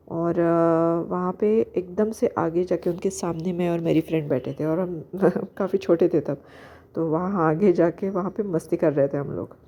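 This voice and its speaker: Low gravelly woman, hesitant storytelling. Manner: hesitant, pausing with fillers. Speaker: spiritual vlogger. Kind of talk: personal storytelling. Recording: dull lo-fi recording.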